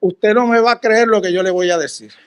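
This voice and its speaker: Excited elderly churchgoer, put on by a male preacher, high voice, eager. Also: fairly quick, clean tone, close to an everyday voice. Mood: telling.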